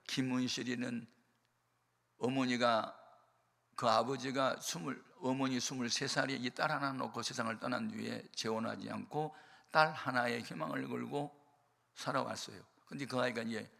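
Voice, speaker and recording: An older male pastor preaching a sermon, telling a story with emphatic swings from quiet to loud. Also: mid-range voice, steady tone, moderate pace, vocal fry. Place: church or prayer hall. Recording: long hall reverb.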